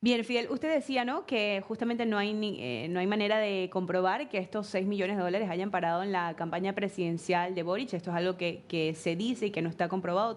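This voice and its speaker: Probing woman news interviewer. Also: mid-range voice. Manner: probing, pressing follow-up questions. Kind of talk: political interview.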